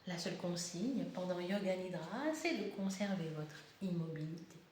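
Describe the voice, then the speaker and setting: A yoga nidra guide, a woman, leads a meditation with slow, soothing instructions delivered in calm, deliberate short phrases, pausing between each one. The room is very echoey and a faint rumbling sits underneath.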